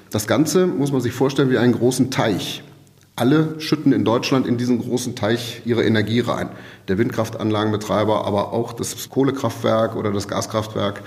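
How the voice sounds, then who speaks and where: A man's voice: medium pitch, darkish tone, big-room sound. A man working in energy purchasing, giving patient interview answers and explaining with everyday comparisons.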